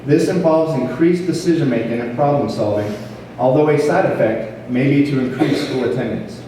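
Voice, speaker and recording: A man's voice: medium pitch, moderate pace, dark tone. A man giving an earnest, formal prepared speech as the leader of a program. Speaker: police officer speaking as program leader. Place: large echoing hall at a school ceremony. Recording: echoey hall from far off, faint noise.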